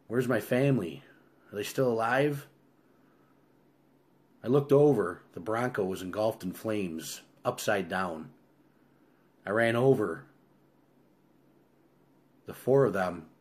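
Low-voiced man reading a survival tale. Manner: low, steady telling with raised voice on quoted shouts. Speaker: narrator. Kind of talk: first-person survival story reading.

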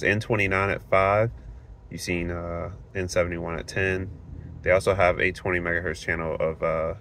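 Recording on a handheld phone from a parked car, a Floridian man casually talks through network speed tests, explaining plainly and reading results from the screen. His voice is low-pitched and a bit bright, with slight background noise behind it.

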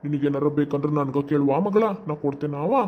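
A man voicing a loving, gentle father in a cartoon, coaxing and advising tenderly with a North Karnataka Kannada accent. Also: a little high, fast talker, phone-quality sound, close to an everyday voice. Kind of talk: cartoon voice acting.

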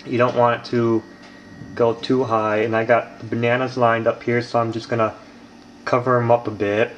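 A mid-range, level-toned voice at a moderate pace comes through a muffled recording. It belongs to a young home cooking vlogger casually demonstrating a recipe in his kitchen, rambling with frequent ums, captured on a handheld camera mic in an echoey space with faint noise.

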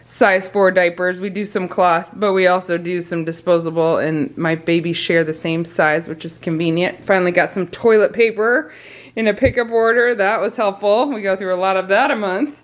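A woman's voice: lowish voice, fairly even intonation, normal speed. Chatty mom showing her groceries. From United States. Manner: chatty, laughs often, talks while handling items. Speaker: mother of a large family, channel host. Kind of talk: casual grocery haul vlog. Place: indoors at home, kitchen.

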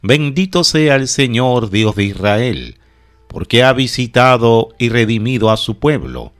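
Male prayer leader, mid-range voice, unhurried, solemn liturgical recitation in measured phrases. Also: medium pitch, sing-song.

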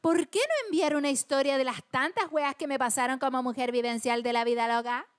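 A woman's voice: high voice, fairly quick, clear, resonant tone. A Chilean woman co-hosting a comedy podcast, reading a listener's story aloud with lots of slang and laughter.

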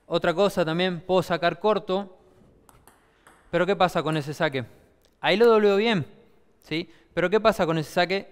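Argentine coach in a big echoing hall. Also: male voice, high voice, clean tone. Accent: Argentine Spanish. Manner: explains with frequent rhetorical questions. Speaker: table tennis coach. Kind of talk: demonstration class.

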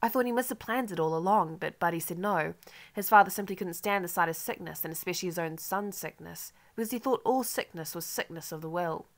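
A woman with a lowish voice narrates a literary novel in the first person. Her reading is measured and wry. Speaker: audiobook narrator.

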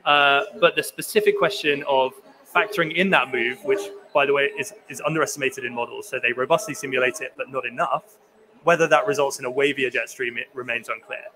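In a rough recording from a podium microphone, a young man, a sea ice scientist, presents and handles Q&A at a conference. His mid-range voice is brisk and steady in tone, though he keeps restarting and using fillers. The setting is an indoor conference pavilion hall.

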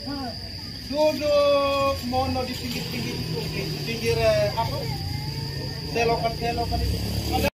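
A middle-aged man with a Papuan Indonesian accent preaching a sermon, lively and quizzing the congregation. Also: very high voice, measured pace. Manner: lively, asks the congregation questions. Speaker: priest. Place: outdoor open-sided tent at night. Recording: loud insect noise from far off.

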